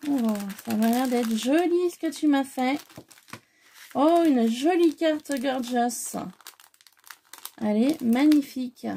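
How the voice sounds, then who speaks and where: A woman with a slightly high, gravelly voice talks through an unboxing in a casual, effusive way. She hesitates often, dotting her speech with fillers as she goes. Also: takes it slowly, long pauses, mellow, a little hiss or hum. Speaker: scrapbooking vlogger.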